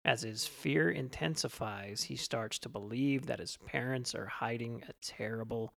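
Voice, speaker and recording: A man's voice: medium pitch, normal speed, gravelly, fairly bright tone. A man co-hosting a podcast, chatting casually as he reviews films. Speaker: podcast co-host. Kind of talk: casual film review chat.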